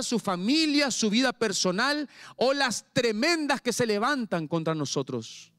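This pastor, a man whose voice sits high, preaches fervently at church with a Paraguayan Spanish accent. He swings from hushed pleading to heightened intensity.

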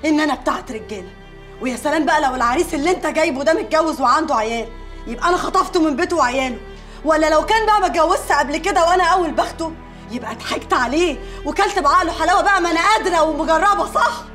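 An actress with an Egyptian accent playing a divorced woman who pours out a bitter, rapid complaint in a TV drama. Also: sits high, fairly bright tone, soft background music. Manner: bitter, fast, pleading monologue. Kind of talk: TV drama dialogue.

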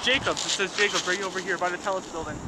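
A man's voice: high-pitched, steady tone, fast talker. A young man chatting outdoors at night with a friend who films, eager and enthusiastic about the view. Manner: eager, enthusiastic, asks questions. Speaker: vlogger's friend. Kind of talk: casual chat. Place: outdoors at a city lookout at night. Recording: outdoor noise, picked up by a camera.

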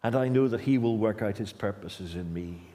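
Speaking at a moderate pace with a fairly low, warm voice, this fifties-aged man from Northern Ireland delivers a forceful, repetitive sermon from a church-hall lectern, now and then rushing ahead abruptly. The sound comes through lectern stand mics and a distant camera.

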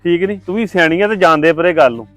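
A man playing a calm family elder who tries to settle a quarrel between mother and son. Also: high voice, fast talker, dry recording, faint music behind, close to an everyday voice. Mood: placating. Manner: placating, peacemaking. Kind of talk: homemade family drama acting.

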